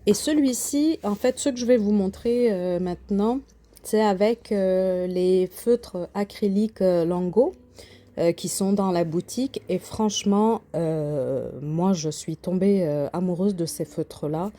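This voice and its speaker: Slow mellow-voiced Québécoise craft vlogger. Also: female voice, medium pitch. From Quebec. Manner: hesitant, many fillers and restarts. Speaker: craft channel host. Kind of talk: casual show-and-tell vlog.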